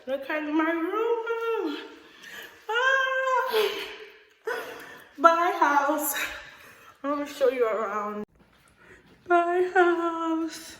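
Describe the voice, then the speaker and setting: A woman vlogging in a bare, empty house, her voice echoing off the walls as she exclaims excitedly to the camera. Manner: excited and emotional, exclaiming, pitch jumping high. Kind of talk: casual vlog chat to camera. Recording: echoey empty room, clear background noise.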